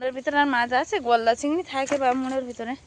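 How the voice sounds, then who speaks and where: A hoarse woman vlogging her village life outdoors, chatting and asking her family questions as she goes. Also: high voice, fairly even intonation, quick pace, heavy background noise. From Bengal. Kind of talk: casual narration of daily life.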